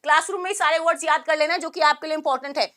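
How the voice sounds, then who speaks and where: A young woman with a sore throat teaching an online vocabulary class, joking and firing quick questions at her students. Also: high-pitched, steady tone, noisy background. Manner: playful, jokey, quizzing students with quick questions. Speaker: English teacher.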